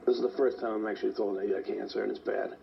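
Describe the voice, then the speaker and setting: Breathless gravelly man. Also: on the low side, fairly even intonation, quick pace. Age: 40s. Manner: rambling, fillers like "like". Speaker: interviewee. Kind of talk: personal account in an interview. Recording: dull lo-fi sound, faint hiss.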